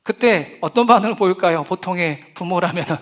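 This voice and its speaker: A middle-aged male pastor delivers a lively sermon in a high voice. He mixes humor with acted-out quotes to reach his young listeners. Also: fairly quick.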